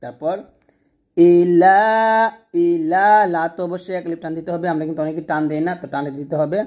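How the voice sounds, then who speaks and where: A man teaching Quran recitation who explains common pronunciation mistakes in plain speech, then chants slow, drawn-out syllables for listeners to repeat. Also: fairly high pitch, steady tone, warm tone. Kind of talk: step-by-step recitation lesson.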